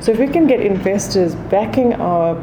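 A woman's voice: mid-range voice, lively intonation, moderate pace, background noise. A woman from South Africa's east coast with a Durban Indian accent, explaining things thoughtfully as a guest in a conversational interview. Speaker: podcast guest, food and wine expert.

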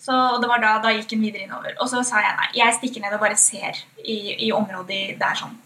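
A woman with a Norwegian accent, a podcast guest, telling a story in a casual, animated way with many fillers and quoted thoughts. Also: fairly high pitch. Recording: roomy, distant from mic.

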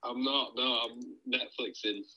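A man's voice: mid-range voice, steady tone, unhurried, reverberant, lo-fi sound. A man chatting casually on a call, heard through a phone speaker, laid-back and hesitant with lots of fillers. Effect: heard over a phone speaker. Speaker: podcast guest on a call. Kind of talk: casual chat.

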